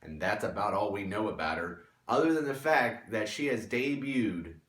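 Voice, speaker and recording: Echoey room: male wrestling host, slightly low voice, presenting segments. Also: animated, normal speed, a bit bright.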